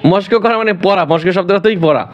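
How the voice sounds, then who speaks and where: A man teaching Quran letter pronunciation, slowly drilling each letter sound one at a time. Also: high-pitched, lo-fi sound, a little hiss or hum. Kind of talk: recited pronunciation lesson.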